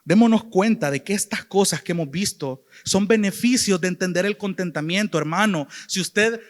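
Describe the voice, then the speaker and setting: A man's voice: high-pitched, moderate pace. A man with a Salvadoran accent preaching a sermon, earnestly addressing his listeners as brother and sister. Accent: Salvadoran Spanish. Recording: long hall reverb.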